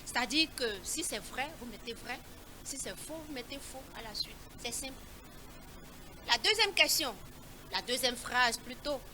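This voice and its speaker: A woman leading a children's Bible riddle quiz, reading each clue slowly and repeating it in a coaxing way. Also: high voice, animated, noisy background.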